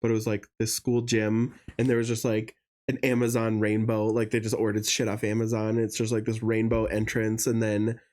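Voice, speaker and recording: A man's voice: on the low side, completely flat delivery, moderate pace, darkish tone. A young adult man co-hosting a podcast, gossiping in casual chat with lots of fillers. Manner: chatty, gossipy, many fillers. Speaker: podcast co-host.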